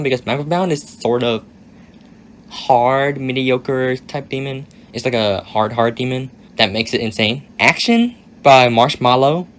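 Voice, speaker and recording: Young man, raspy voice, mid pitch, casual Q&A creator, hedging, trailing sentence ends. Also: a bit bright, slight background noise. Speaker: video creator answering viewer questions. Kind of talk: casual Q&A monologue.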